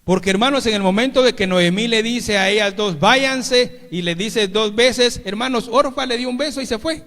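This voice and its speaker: A man with a Mexican Spanish accent preaching a sermon, calling the congregation "brothers" again and again and swinging between loud and soft. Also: sits high, fairly quick. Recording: long reverb of a church hall.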